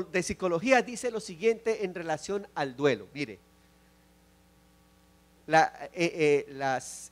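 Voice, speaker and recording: A man with a notably high voice preaches a sermon to his congregation. He talks with passion, repeats his phrases, and moves between loud calls and quiet, low pleading. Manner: impassioned preaching with repetitions, shifting from loud exclamations to soft low pleas. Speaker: pastor. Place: church.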